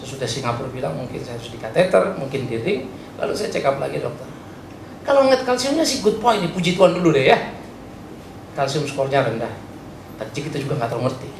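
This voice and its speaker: A male pastor preaches a lively sermon, his pitch leaping from murmured asides to loud bursts. His voice has a gravelly edge. It rings in a roomy church hall with faint background noise. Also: fast talker. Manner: animated, swinging from soft asides to loud high exclamations; chatty, joking, mixes in English words.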